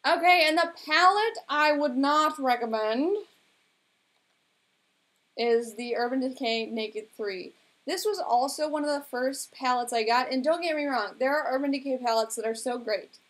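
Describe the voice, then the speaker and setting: A woman's voice: sits high, moderate pace, fairly bright tone. A young woman chatting casually on her own live stream, rambling along with lots of filler words. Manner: chatty and rambling, heavy use of "like". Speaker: beauty vlogger hosting a live stream. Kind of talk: casual live-stream chat about makeup.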